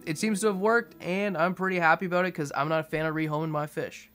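A young man giving a casual aquarium update voice-over in a monotone, restrained way. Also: a little high, quick pace. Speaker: fishkeeping video host. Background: music behind the voice.

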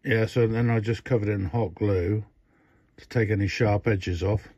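Over dull, dry lo-fi phone audio without echo, an older radio hobbyist casually demonstrates a modification at his indoor workbench. His lowish voice is warm with a breathy edge, fairly even in intonation, and moderately paced. He rambles, restarting often and using many fillers.

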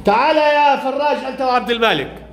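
A male primary school teacher leading a classroom reading lesson with young children, asking brisk questions and praising each answer. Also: extremely high pitch, gravelly, fairly bright tone, slight background noise.

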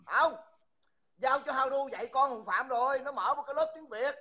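Man, bright voice, mocking and insulting, repeats himself, livestream host. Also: very high voice, normal speed. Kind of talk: heated livestream taunting.

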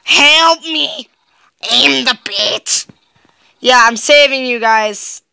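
A woman's voice: high-pitched, extremely slow, creaky, bright, forceful tone, smooth, no room sound. A young woman doing gameplay commentary, jumpy and yelping with laughter when scared. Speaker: gaming video creator.

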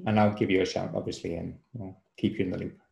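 Guy from cumbria hosting a chat on a video call, rambly, lots of uhs, bit of creak, echoey room. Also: low-pitched, fairly even intonation, fast, a little mellow. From Cumbria, England. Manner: friendly, rambling, many fillers and restarts. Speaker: magazine editor and interviewer. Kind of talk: casual interview chat.

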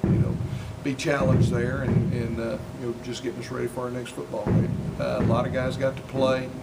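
A man's voice: medium pitch, brisk, gravelly. Older male coach, distant and noisy. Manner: steady, plainspoken, many fillers. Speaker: head football coach. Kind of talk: postgame interview. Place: indoor interview backdrop. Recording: distant mic with loud noise.

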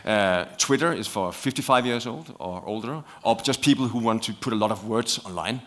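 A man with a Danish accent speaks on a conference panel. His voice sits fairly low, and he talks animatedly, with lots of "you know" and repeated words. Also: fairly quick, fairly bright tone. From Denmark. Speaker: panel guest.

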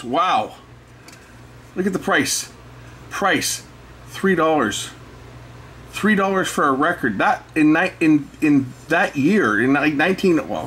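At a cluttered electronics workbench indoors, a male host shows old records, rambling and thinking aloud in casual hands-on commentary. His mid-range voice is a bit bright, with a little hiss or hum on the recording.

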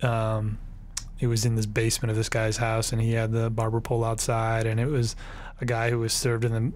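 A man's voice: on the low side, monotone, fairly quick, a little mellow, slight background noise. A man hosting an interview, asking long rambling questions full of fillers. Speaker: podcast host. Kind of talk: casual interview chat.

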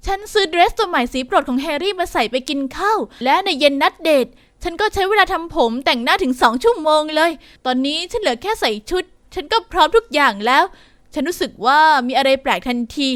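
A young woman narrating her own life story in the first person for an animated channel, telling it expressively and with feeling. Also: extremely high pitch, dry recording, clean studio sound.

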